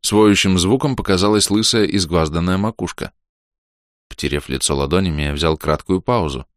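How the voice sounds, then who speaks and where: A man reading a first-person audiobook in a lively, ironic manner. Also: sits low, fairly quick, no echo, clean studio sound. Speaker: audiobook narrator.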